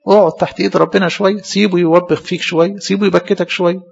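A man's voice: high voice, level tone, racing, gravelly, husky, dull audio. A man with an Egyptian Arabic accent, a priest preaching a sermon in a conversational way, asking rhetorical questions and repeating his phrases.

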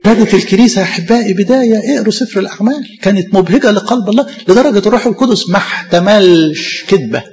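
A man's voice: high voice, rapid-fire, few pauses, darkish tone, in a large hall, muffled recording. A man with an Egyptian Arabic accent, a priest giving an impassioned sermon straight to his congregation. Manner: impassioned preaching, addresses the congregation directly.

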